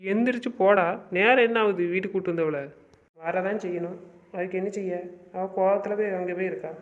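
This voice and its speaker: A young man acting as a pushy friend, nagging and coaxing in a quick, high voice. The amateur web-drama recording sounds dull and lo-fi. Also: steady tone, close to an everyday voice. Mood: urging.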